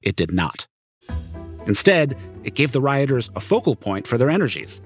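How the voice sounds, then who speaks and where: A man's voice: medium pitch, very animated, moderate pace. A man narrating a scripted documentary podcast in a conversational, storytelling style. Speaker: narrator and reporter. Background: music.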